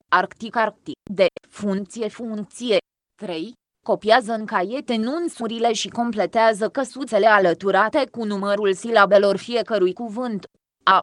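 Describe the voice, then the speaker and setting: A woman reading a scripted grammar lesson, dictating rules and example words slowly and clearly. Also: mid-range voice, no room sound, clean studio sound. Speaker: teacher.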